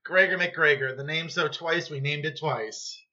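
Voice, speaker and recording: Bright, jokey man podcast host. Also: a little high, a little slow. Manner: jokey, playful, teasing. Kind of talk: casual chat. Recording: dull lo-fi sound.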